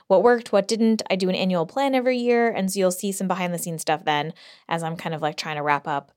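A woman hosts a casual solo podcast, recorded under a blanket fort in a closet. Her voice sits at an average pitch for a woman. She talks informally and conversationally, straight to the listener. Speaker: podcast host.

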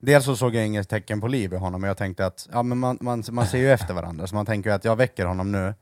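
Guy on a podcast, low voice, super animated, does voices when he tells stories, dry close sound. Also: no echo. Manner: animated storyteller, mimics others, laughs often. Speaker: podcast co-host. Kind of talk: casual chat.

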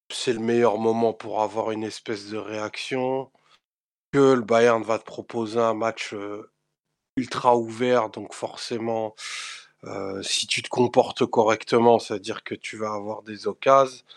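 A man co-hosting a football stream, talking in a measured, analytical way with some fillers. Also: fairly low pitch, no echo, clean studio sound. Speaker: co-host, football fan. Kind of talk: casual chat.

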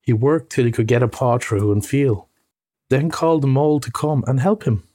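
A man reads a classic storybook aloud in a calm, measured way. His voice is mellow and warm, middle-pitched and unhurried. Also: no room sound. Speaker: reader. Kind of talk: audiobook reading.

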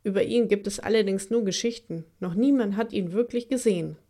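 A woman's voice: mid-range voice, a little fast, dark tone, natural voice. A woman voicing a big, stern female forest creature who grumbles and gives orders in a children's audiobook. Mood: firm. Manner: gruff, commanding.

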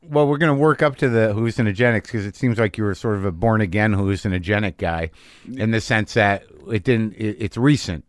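A man's voice: on the low side, brisk, no room sound, clean studio sound. A man hosting a casual interview, talking in a blunt, wry, sometimes profane way. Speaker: podcast host.

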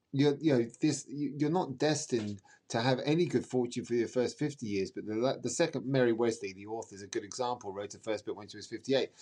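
A man with a medium-pitched, slightly mellow voice speaks as an astrologer guest in an interview. He explains emphatically but rambles, repeating words for emphasis.

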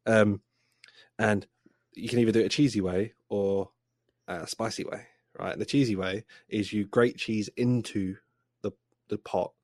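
Low-voiced English man swearing casually. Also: steady tone, normal speed, darkish tone, dry recording, clean studio sound. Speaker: podcast co-host. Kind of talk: casual chat.

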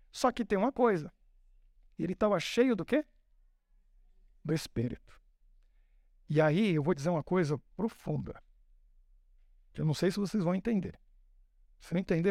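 A male pastor preaching a sermon, telling the story in a lively way, acting out the characters and asking the audience questions. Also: sits high, vocal fry, no echo, studio quality.

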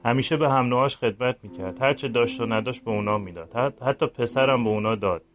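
A man reading aloud the inner confession of a guilt-ridden village priest, in a low, subdued murmur. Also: lo-fi sound, close to an everyday voice. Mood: remorseful.

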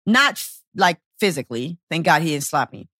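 A woman's voice: sits low, big pitch swings, normal speed, fairly bright tone, husky, dry recording, clean studio sound. A woman in her thirties, a personal trainer hosting a podcast, telling a personal story in a blunt, profane, emotional way. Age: 30s.

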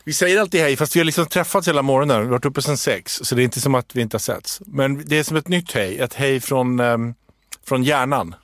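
Lively man telling a story. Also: medium pitch, dry recording, clean studio sound. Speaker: podcast co-host. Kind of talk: casual chat and storytelling.

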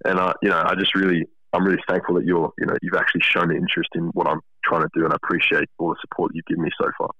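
Very deep, fast-talking young Australian male. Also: level tone, bright, forceful tone, dry recording, lo-fi sound. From Wollongong, Australia. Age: teens, about sixteen. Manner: earnest, polite, grateful. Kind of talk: casual chat.

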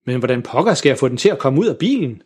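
A bumbling, clueless dad who never notices what is going on, as a man acts him out in a storybook reading. His voice is husky and unpolished, loud and a bit dopey. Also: mid-range voice, very animated.

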